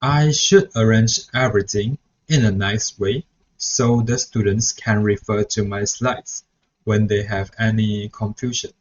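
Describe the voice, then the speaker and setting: A young man who grew up speaking Mandarin talks through a reflection vlog as a student teacher, hesitant and restarting often with "so yeah." His low-side voice is steady and a little slow. The recording is dull and lo-fi, with slight background noise.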